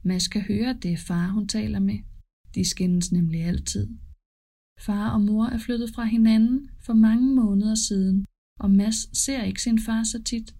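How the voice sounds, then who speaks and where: A woman reading a children's story aloud in a calm, even storytelling manner. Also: mid-range voice. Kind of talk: scripted story narration.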